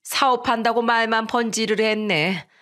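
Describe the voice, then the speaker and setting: Pushy middle-aged mother-in-law, brazen, condescending, slow, radio story read by a woman. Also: on the high side, a bit bright, lightly acted.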